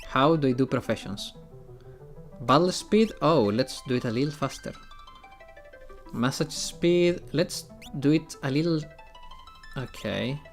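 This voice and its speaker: A man's voice: medium pitch, expressive, unhurried, pauses often, faint music behind. A man streaming video games, chatting casually and thinking aloud, often repeating his phrases. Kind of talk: casual live-stream chat.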